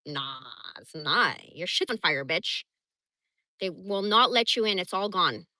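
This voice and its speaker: A woman's voice: fairly low pitch, lively intonation, unhurried, sharp tone, no echo. A woman from the Bay Area telling rambling personal stories on a casual livestream, blunt and profane. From San Francisco Bay Area. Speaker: livestream host.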